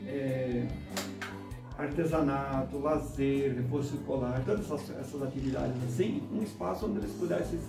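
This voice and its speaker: A man's voice: mid-range voice, normal speed, vocal fry. A man explaining a community's early history in a documentary interview, chuckling now and then as he tells it. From moved to São Paulo in 1987. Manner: explanatory, chuckles while telling. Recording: roomy, distant mic with music bed.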